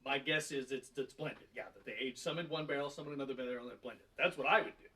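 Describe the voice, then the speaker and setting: Quick-talking man explaining beer flavors. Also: medium pitch, pushed and bright. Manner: agreeable, explains tasting notes. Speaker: beer reviewer co-host. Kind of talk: casual beer tasting chat. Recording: distant mic with faint noise.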